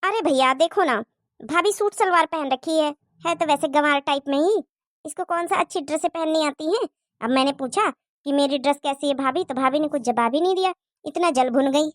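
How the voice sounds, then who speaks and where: A woman's voice: high voice, moderate pace, dry recording, studio quality, lightly acted. Woman doing a smug, mocking young sister-in-law. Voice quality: mocking, sneering.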